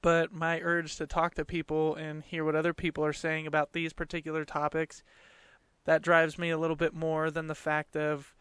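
A man's voice: fairly high pitch, completely flat delivery, normal speed, fairly bright tone, smooth, no room sound. A man in his late twenties hosting a casual solo podcast from a small closet, talking in an informal, earnest, conversational way. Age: late 20s. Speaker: podcast host.

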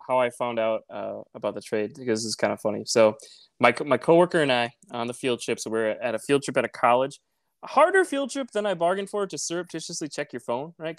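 A man co-hosting a casual podcast, telling stories in a halting way with many restarts. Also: medium pitch, animated, no echo. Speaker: podcast co-host.

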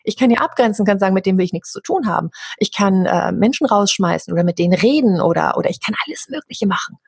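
A middle-aged woman speaking as an interview guest, earnest and animated, who sometimes acts out the voices of other people. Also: mid-range voice, fast talker, vocal fry, slightly rough, no echo, studio quality. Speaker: interview guest, hypnosis practitioner. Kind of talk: candid conversational interview.

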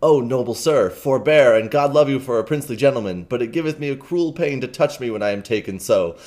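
A man's voice: mid-range voice, expressive, fairly quick, darkish tone, lightly acted. A man voicing a crafty young beggar who pleads in a theatrical whine. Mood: pleading. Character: crafty young male beggar faking fits.

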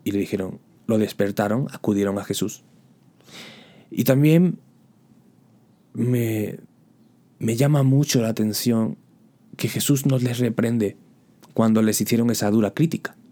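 A man's voice: on the low side, a little slow, pauses often, mellow. A man preaching a sermon in an impassioned way, building his points through repeated rhetorical questions and direct appeals to the listener.

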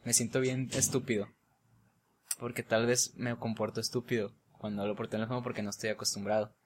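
A man's voice: lowish voice, little pitch movement, brisk, a little hiss or hum. Young mexican guy, slangy chatty storytelling, laughs a lot, casual convo. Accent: Mexican Spanish. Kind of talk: casual chat.

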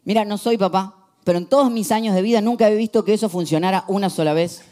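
A young man with a Rioplatense Spanish accent preaching a sermon, telling stories with lively shifts from hushed to emphatic. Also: high voice, fast. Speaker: pastor.

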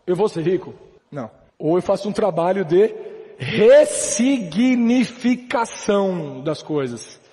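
A man from Brazil delivers a motivational talk at a rapid clip, his voice sitting high for a man. He speaks emphatically and conversationally, throwing in slangy asides. The sound carries a long reverb from the large hall he speaks in. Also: mellow. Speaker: motivational speaker at a business event. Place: large hall with a live audience.

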